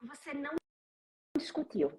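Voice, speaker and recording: A woman's voice: high-pitched, very animated, unhurried, darkish tone, rough recording. A woman from Brazil hosting a casual live interview, enthusiastic and chatty. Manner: enthusiastic, casual, leans on "tipo". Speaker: host, teacher.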